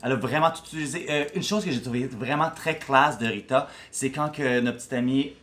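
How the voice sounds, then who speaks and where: A man's voice: mid-range voice, fast talker, fairly bright tone. A native French-speaking man with a Quebec accent, chatting casually and slangily, slipping between French and English. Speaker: drag show review co-host. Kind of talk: casual bilingual chat.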